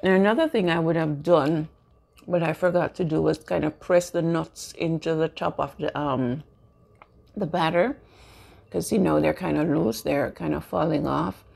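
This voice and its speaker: A woman vlogging at home in a relaxed, chatty way, with many fillers, sometimes talking while eating and turning earnest when she preaches. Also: deep voice, moderate pace, creaky. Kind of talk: casual home baking vlog.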